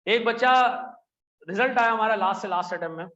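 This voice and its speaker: A middle-aged man from Pakistan with a Pakistani Urdu accent, lecturing a class in a chatty, animated way with frequent "theek hai ji" asides. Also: high voice, fast, lo-fi sound. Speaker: accountancy teacher. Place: classroom with air conditioners and lights.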